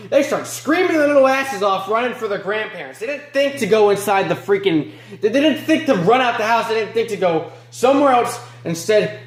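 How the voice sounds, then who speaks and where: A man playing a remorseless male killer in an amateur film monologue, moving between low mutters and sharp outbursts. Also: roomy sound. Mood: cold, detached. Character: remorseless male killer recounting his crimes.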